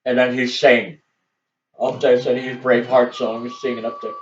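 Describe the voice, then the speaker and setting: An older man, a grandfather, telling family history in halting oral storytelling, restarting and repeating words as he goes. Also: mid-range voice, level tone. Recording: distant, dull lo-fi home recording.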